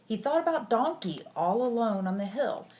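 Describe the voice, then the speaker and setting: A sweet old lady, a grandmother, reading a picture book aloud gently and affectionately, with asides to a child. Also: a little high, lively intonation, normal speed. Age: older. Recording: clearly noisy home recording.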